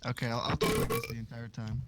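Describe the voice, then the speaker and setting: A man's voice: mid-range voice, monotone, fast, loud music behind the voice. A man co-hosting a casual podcast over a gaming headset, fumbling with his audio. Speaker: podcast co-host. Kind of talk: casual chat.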